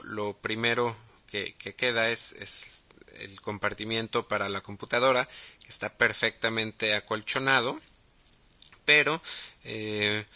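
A man with a Mexican accent hosting a casual podcast, talking haltingly with many fillers and restarts. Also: lowish voice, pushed and bright. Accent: Mexican Spanish. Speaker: podcast host.

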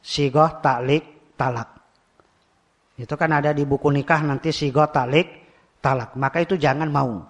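A man's voice: a little high, steady tone, brisk. A man with a Javanese Indonesian accent teaching a religious study class, often asking rhetorical questions and repeating key phrases. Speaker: Islamic teacher.

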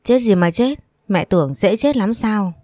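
A woman's voice: medium pitch, expressive, moderate pace, dark tone, no room sound, studio quality, close to an everyday voice. A woman voicing a hot-tempered young woman who angrily scolds her older brother. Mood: furious. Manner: angry, scolding.

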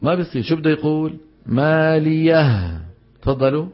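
A man teaching Quran recitation to a class, explaining in casual dialect and chanting example words slowly. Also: mid-range voice, highs cut off.

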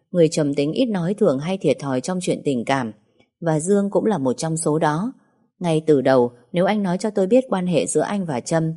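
A woman narrating a first-person story in a calm, reflective way. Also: deep voice.

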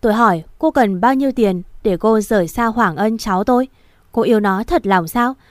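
A woman's voice: fairly high pitch, lively intonation, normal speed, dry recording, studio quality, natural voice. A woman reading a story aloud, voicing an angry wealthy grandmother who scolds and hurls insults. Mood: scornful. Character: scornful wealthy old grandmother, furious and contemptuous.

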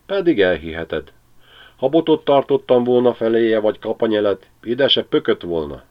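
A man voicing a calm, sensible young man who reasons patiently. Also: medium pitch, pitched above the performer's own voice, close to an everyday voice. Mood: reasoning. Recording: slightly dull lo-fi recording.

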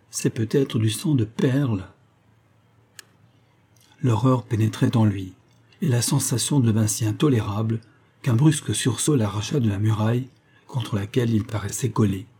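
A man narrating a literary adventure novel in a measured, dramatic storytelling manner. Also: fairly low pitch, dark tone, husky. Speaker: audiobook narrator.

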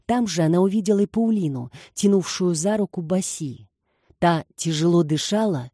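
Dark-voiced woman narrating an audiobook. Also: fairly low pitch, no room sound, clean studio sound. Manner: steady, measured reading. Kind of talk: scripted narration.

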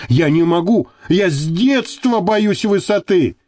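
A man's voice: sits high, animated, takes it slowly, darkish tone, dry recording, clean studio sound, voice pushed up, full character voice. A man reading a frightened, whiny businessman in an audiobook, whimpering and plaintive. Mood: panicked.

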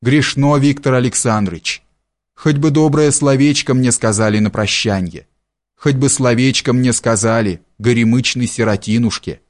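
A man voicing a timid, devoted young peasant girl who pleads softly in an audiobook story. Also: medium pitch, moderate pace, close to an everyday voice. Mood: pleading.

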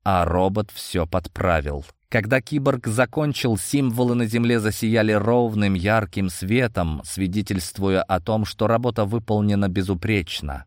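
A man narrating a fantasy audiobook in a steady, even storytelling delivery. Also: lowish voice, measured pace, few pauses, no room sound, studio quality.

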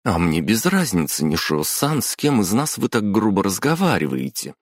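A man's voice: lowish voice, big pitch swings, moderate pace, slightly rough, dry recording, clean studio sound, voice pushed up. A man reading a story, voicing a defiant young female office worker who talks sharply and venomously with a raised voice. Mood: indignant.

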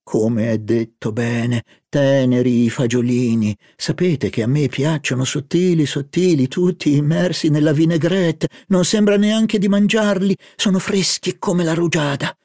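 A bubbly young woman with a raised, lilting voice, as a male reader puts her on. She coaxes and gushes in a dry, close-miked audiobook reading, drawing her words out slowly. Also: on the high side, fairly even intonation, a little mellow, no echo, voice pushed up. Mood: delighted. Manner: bubbly, coaxing. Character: playful young woman, greedy and eager. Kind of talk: audiobook character voice.

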